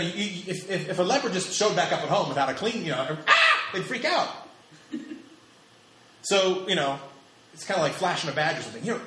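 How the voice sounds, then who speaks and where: A man's voice: on the high side, fairly bright tone, a little hiss or hum. A man in his thirties preaching a sermon, emphatic and repeating phrases for stress. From United States. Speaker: pastor. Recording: echoey hall with faint ambience.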